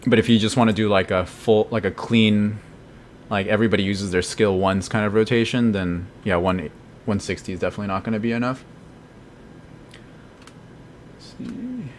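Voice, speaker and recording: Low-ish guy streaming a game, chatty, thinking out loud and answering chat. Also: steady tone, fairly quick, slight background noise. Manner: thinking aloud, casual, answering chat questions. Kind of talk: live gameplay commentary.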